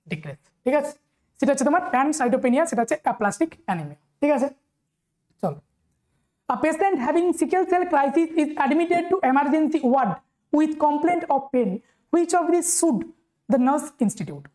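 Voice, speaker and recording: High-voiced Bengali woman tutoring nurses. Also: mellow. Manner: reads questions slowly, then explains quickly with repeated check-ins. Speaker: nursing exam tutor. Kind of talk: exam-prep lecture.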